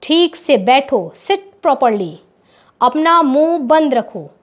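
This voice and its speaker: A woman teacher explaining classroom English to children in Hindi, saying each English phrase slowly and clearly. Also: sits high, expressive. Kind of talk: spoken English lesson for children. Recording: dull, lo-fi recording.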